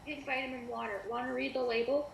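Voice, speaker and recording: Sonic, as a woman plays him, a giggly high voice. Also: fairly even intonation, fast, gravelly, slight background noise. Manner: giggly, playful. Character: Sonic, cheerful young hedgehog hero in training. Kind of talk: live cosplay role-play chat. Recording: echoey live video call.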